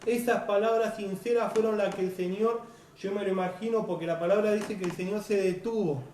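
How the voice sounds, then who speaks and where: Man preaching, unhurried earnest sermon, distant mic, faint background noise. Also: high voice, steady tone, a little mellow, reverberant. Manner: earnest, unhurried, frequent "right?" tag questions. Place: church hall.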